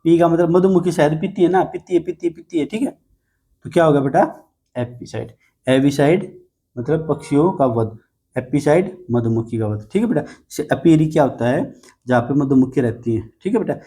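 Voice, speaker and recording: A man's voice: a little high, animated, normal speed, mellow, husky. A man teaching an exam vocabulary class, coaxing students with playful memory tricks and constant reassurances. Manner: coaxing, repeats "ठीक है बेटा", playful mnemonics.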